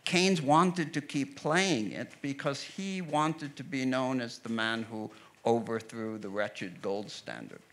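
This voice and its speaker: A middle-aged American author and historian speaks into a handheld mic on an outdoor veranda stage during an onstage conversation. He explains history in a measured way, often using fillers. His mid-range voice is animated and a bit bright.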